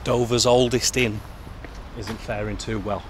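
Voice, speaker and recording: A man's voice: on the low side, fairly even intonation, measured pace. Chatty male vlogger outdoors. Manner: chatty, friendly questioning. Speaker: travel vlogger and host. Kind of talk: casual vlog narration and street interviews. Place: outdoors on town streets. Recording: outdoor street noise with traffic.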